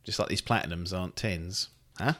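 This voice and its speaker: A man talks through his podcast in relaxed, rambling chat. His voice sits a little low, and he swears freely as he goes. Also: fairly quick. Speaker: podcast host. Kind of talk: casual chat.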